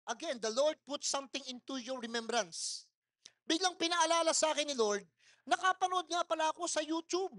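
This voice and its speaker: A man with a notably high voice preaches at a church service held in a mall. He tells his sermon as a string of personal stories, pushing his voice loud on purpose so people nearby can hear. He mixes English phrases into his talk and laughs often along the way. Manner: storytelling, mixing in English phrases. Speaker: pastor.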